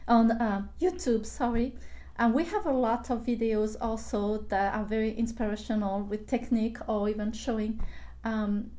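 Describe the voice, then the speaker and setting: A woman co-hosting a live beading show, agreeable and quick to laugh, with slightly phrasing and a bit under the weather. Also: a little high, warm tone. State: unwell, sore throat. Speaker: co-host and company founder. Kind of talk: casual live chat.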